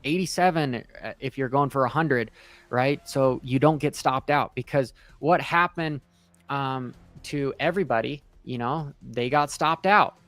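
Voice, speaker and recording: A man's voice: fairly high pitch, dry recording. A man giving casual livestream trading commentary, emphatic and repetitive with frequent check-ins, speaking with half his face numb from the dentist. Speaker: crypto trading streamer.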